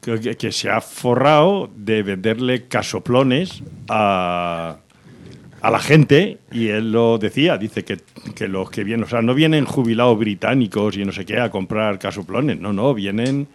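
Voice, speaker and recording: A man's voice: on the low side, expressive, unhurried. A man hosting a casual radio chat in a studio, joking and rambling with frequent laughs. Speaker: radio host.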